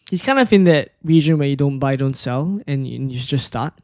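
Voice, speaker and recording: This is a man whose voice sits a little high for a man. He talks through his choices in a loose, conversational way, full of fillers and restarts as he answers questions from chat. The sound is dry and close, with almost no room around it. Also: normal speed, no room sound. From Singapore. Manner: thinking aloud, relaxed and conversational, frequent fillers and restarts. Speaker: fantasy football streamer. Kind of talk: casual live-stream commentary answering chat questions.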